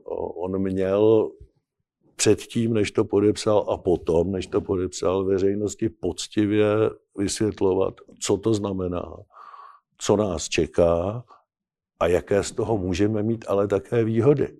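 This is a man with a low, mellow voice taking part as a guest in a political talk. He argues earnestly and persuasively, building each point in a measured way. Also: fairly even intonation. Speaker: guest commentator. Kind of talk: political discussion.

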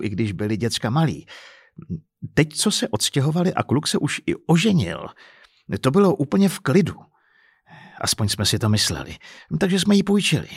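A man voicing an indignant middle-aged husband who rants and shouts crudely about being cheated, in an audiobook story. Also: on the low side, slightly rough, no room sound, studio quality. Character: furious middle-aged man, swindled family.

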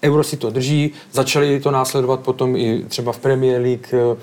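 A man's voice: medium pitch, flat delivery, darkish tone. A man speaking as a pundit in a casual football discussion, explaining at length and checking in with the others as he goes.

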